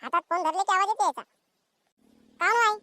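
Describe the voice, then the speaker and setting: A woman's voice: very high voice, brisk, pushed and bright, no echo. A woman voicing a lazy, cheeky, phone-obsessed village son in a cartoon comedy, whining and talking back. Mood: whiny.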